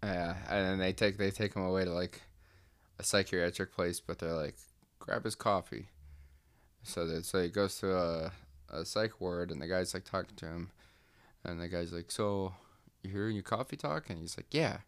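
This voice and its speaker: A man's voice: low voice, flat delivery, moderate pace, clear, resonant tone. A man casually telling a made-up story with lots of fillers and restarts. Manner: rambling, filler-heavy storytelling. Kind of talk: casual comedic story pitch.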